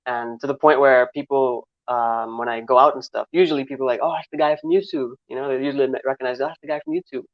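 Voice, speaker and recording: A man's voice: mid-range voice, steady tone, fast, few pauses, dry recording. A man in his twenties from Trinidad with a New York accent, answering interview questions in a rambling way, with many fillers and restarts. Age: 20s. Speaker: guest filmmaker. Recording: slightly dull, dry recording.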